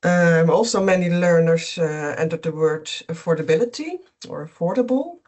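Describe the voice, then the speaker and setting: A middle-aged man, a university researcher, presenting on a video call in a measured, hesitant way with many fillers. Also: on the high side, expressive, a little mellow. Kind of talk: webinar presentation.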